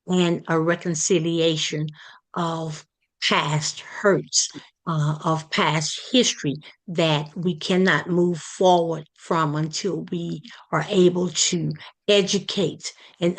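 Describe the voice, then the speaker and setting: Slow, hesitant woman presenter. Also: fairly low pitch. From Palestine, Texas. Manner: hesitant, many fillers and restarts. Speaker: community project leader presenting. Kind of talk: halting prepared presentation.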